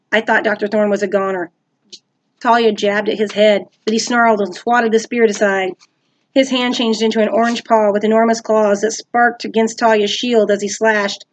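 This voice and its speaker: Woman teacher reading a storybook aloud. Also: medium pitch. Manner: steady, expressive reading.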